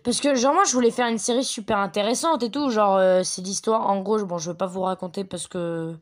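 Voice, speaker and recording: A woman giving rambling, chatty commentary on a mobile game from her bedroom at home. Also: mid-range voice. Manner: chatty, rambling, quick to get excited. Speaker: gameplay commentator. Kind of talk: casual gaming commentary.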